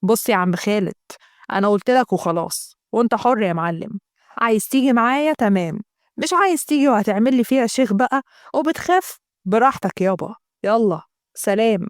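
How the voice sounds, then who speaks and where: A woman's voice: a little high, lively intonation, brisk, no room sound, studio quality, close to an everyday voice. A woman voicing a smug young Egyptian man who talks his friend into trouble. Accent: Egyptian Arabic. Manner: smug, offhand.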